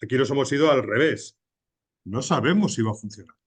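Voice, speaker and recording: A man's voice: mid-range voice, expressive, fairly quick, husky. Man hosting a podcast, rephrasing questions. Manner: conversational, rephrases questions as he goes. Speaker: podcast host. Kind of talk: interview questions, casual chat.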